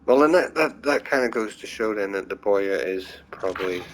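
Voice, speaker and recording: A man's voice: lowish voice, animated, moderate pace, slight background noise, poor audio. A sleepy man casually thinking aloud while testing a weapon in a video game, often trailing off and restarting. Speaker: gameplay streamer. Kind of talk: casual gameplay commentary.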